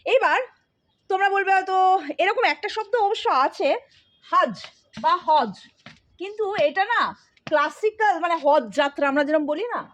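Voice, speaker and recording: High-voiced Bengali woman teaching spelling. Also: normal speed, pauses often, a bit bright. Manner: patient, explaining step by step with frequent check-ins. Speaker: English teacher. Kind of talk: classroom spelling lesson.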